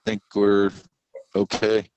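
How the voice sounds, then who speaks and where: A man's voice: lowish voice, completely flat delivery, slow, a little mellow, lo-fi sound, a little hiss or hum. A man speaking at a court hearing over a video call that keeps dropping out, breaking up his words as he keeps asking whether he can be heard.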